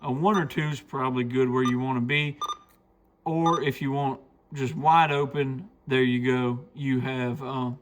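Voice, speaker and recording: A radio shop host demonstrates a CB radio in a casual, unscripted walkthrough, explaining things informally. His voice is medium-pitched and steady, at a measured pace. The recording is clear, with background noise and radio clicks.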